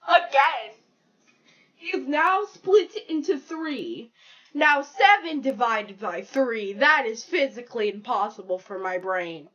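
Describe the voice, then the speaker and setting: A woman talks through her drawing in a slow, unhurried way, making up a silly story as she goes and breaking into giggles. Her voice sits a little high and comes through a muffled, lo-fi recording. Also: lively intonation, sharp tone. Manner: rambling, giggly, improvising a silly story aloud. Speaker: drawing video creator. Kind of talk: casual narration while drawing.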